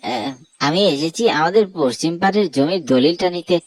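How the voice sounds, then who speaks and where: A man voices a character in a Bengali horror cartoon, a wronged young man who was murdered and now haunts a pond as a vengeful, restless ghost. His fairly high, animated voice sounds insistent and aggrieved at normal speed, lightly acted and free of echo.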